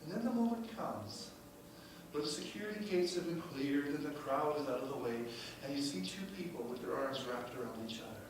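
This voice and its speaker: A man preaching a sermon in a church, moving from easy storytelling to loud, exclaiming praise with the odd laugh. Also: a little high, lively intonation, a little fast, slight background noise. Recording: echoey church room, voice from far off.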